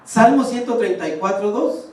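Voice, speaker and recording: A man preaching a sermon, fairly high-pitched and emphatic, talking straight to his congregation. His voice rings through a very echoey hall, caught from some distance with faint room ambience behind it. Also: expressive, normal speed. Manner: emphatic, speaks to the congregation directly. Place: church hall.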